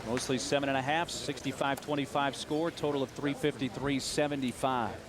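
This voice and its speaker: A man working as a diving announcer, formally calling dives and scores in measured, clipped phrases. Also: mid-range voice, fairly even intonation, crowd noise. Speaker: diving meet announcer and commentator.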